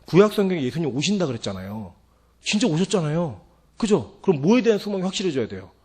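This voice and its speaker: Man, pastor, sermon, animated, acts out quoted voices, rapid delivery, wide pitch swings. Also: husky.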